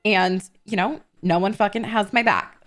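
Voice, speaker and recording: A young woman telling a story in character during a roleplay stream, animated and swearing, building to indignant outbursts. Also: medium pitch, normal speed, faint music behind.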